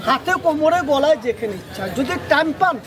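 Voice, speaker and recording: A man's voice: very high voice, animated, brisk. A man hawking amulets on the street with an insistent, repetitive sales patter in short phrases. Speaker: street hawker selling amulets and herbal charms. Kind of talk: street sales pitch to a crowd. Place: outdoors at a busy public spot. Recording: busy outdoor street, loud crowd and traffic.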